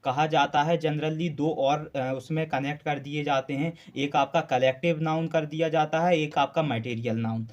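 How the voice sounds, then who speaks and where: A man's voice: on the high side, steady tone, normal speed, hardly any pauses, lo-fi sound. A male Hindi grammar teacher giving a classroom lecture for exam students, asking questions and answering them himself, repeating key terms, with frequent "uh" fillers.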